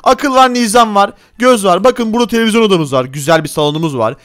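Very high, smooth male gamer voice. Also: quick pace, fairly bright tone. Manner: chatty, teasing, addresses viewers as friends. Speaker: gaming channel host. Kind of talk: Minecraft gameplay commentary.

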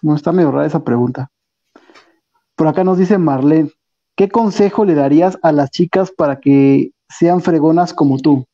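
Dark-voiced man hosting on a muffled call. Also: a little high, moderate pace. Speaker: host. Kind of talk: reading viewer questions. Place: home room. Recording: dull muffled call audio.

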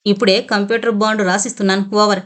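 A woman's voice: mid-range voice, flat delivery, fast talker, fairly bright tone, lightly acted. A woman voicing an older grandfather who reports formally over a radio link, signing off each turn. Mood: solemn.

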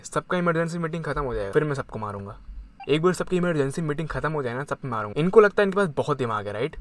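A young man giving chatty, excitable commentary on his game, mixing Hindi and English. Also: a little high. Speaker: gamer. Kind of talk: casual gaming commentary.

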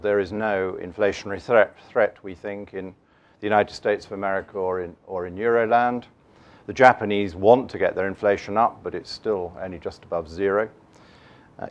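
A middle-aged man giving a keynote on markets from a lectern, measured and dotted with fillers and restarts. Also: low-pitched. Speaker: investment keynote speaker. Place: conference room, standing at a lectern.

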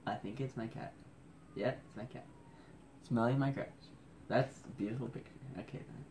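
A man's voice: medium pitch, steady tone, normal speed, vocal fry, a little mellow, a little hiss or hum. A man vlogging casually at home at night, keeping his voice down so he won't wake the house, rambling and joking at his own expense as he scrolls through old photos. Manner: rambling, self-mocking.

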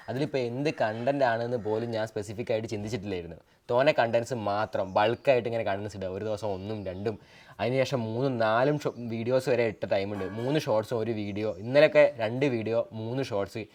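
A man's voice: lowish voice, a little mellow. A man hosting his family vlog, chatting and quizzing family members about acting. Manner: chatty, interviewing family members, advice to creators. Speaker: family vlog channel host. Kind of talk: casual family vlog chat.

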